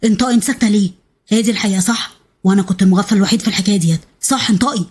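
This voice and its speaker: Woman reading an enraged jealous husband, Egyptian accent, rapid-fire, slightly husky, storybook. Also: mid-range voice, lightly acted. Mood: furious. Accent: Egyptian Arabic. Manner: shouting accusations, rushed. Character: furious jealous young husband, violent and accusing.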